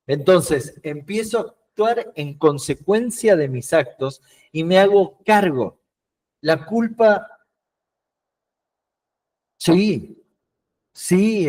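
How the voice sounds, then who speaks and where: A man's voice: a little high, darkish tone. A man with a Rioplatense Spanish accent, teaching an online emotional coaching class. He talks animatedly, acts out short dialogues in his examples, and often repeats words while searching for the next one. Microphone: video call.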